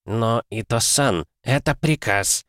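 A man's voice: mid-range voice, animated, slow pace, fairly bright tone, no echo, studio quality, voice pushed up. A man voicing a loyal, deferential young battle mage.

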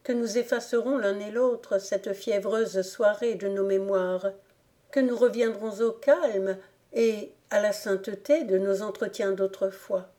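A woman's voice: mid-range voice, fairly even intonation, mellow, lightly acted. Dignified young woman in love, read by a woman. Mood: pleading. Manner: earnest and measured. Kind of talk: audiobook character reading.

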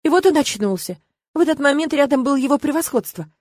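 A woman's voice: lively intonation, fast talker, darkish tone, no room sound, clean studio sound. A woman voicing a young, hot-tempered and easily offended girl who bursts out indignantly in an audiobook. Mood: aggrieved. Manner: shrill indignant outbursts. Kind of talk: audiobook character voice.

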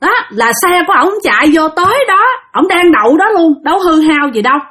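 A woman's voice: very high voice, lively intonation, a little fast, sharp tone. A woman with a Southern Vietnamese accent, narrating a ghost story in a chatty way and talking straight to her listeners. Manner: chatty, addresses listeners directly, acts out quotes.

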